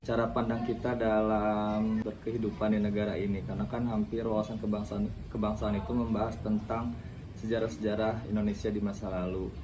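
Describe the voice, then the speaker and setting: A man in his thirties, a high school teacher, giving measured, explanatory interview answers. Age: 30s. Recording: noisy background.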